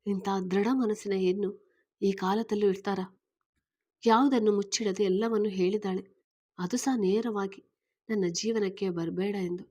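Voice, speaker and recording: A woman narrating a story in a steady, plain reading voice. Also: mid-range voice, a little slow, pauses often, slightly rough.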